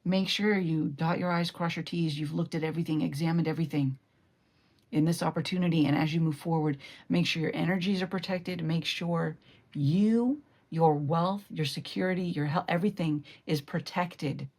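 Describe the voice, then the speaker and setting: A woman giving a solo tarot reading, reflective and lingering over each card, sometimes slipping into a breathy whisper. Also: sits low, fairly even intonation, normal speed, a little mellow. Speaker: tarot reader.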